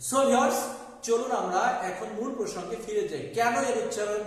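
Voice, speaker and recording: A man's voice: high voice, fairly quick. Male tutor, Bengali accent, drilling pronunciation to viewers; distant, long-reverb room sound. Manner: addresses viewers repeatedly, drills words by repetition. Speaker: English teacher. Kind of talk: video lesson on English pronunciation. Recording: very echoey, distant hall sound.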